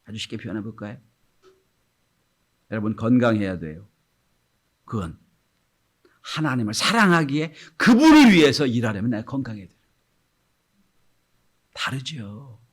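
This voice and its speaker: A middle-aged male pastor preaching a Sunday sermon, reading scripture slowly, then swinging from loud exclamations to hushed, whispered quotes. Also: medium pitch, very animated. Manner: reads scripture slowly and deliberately.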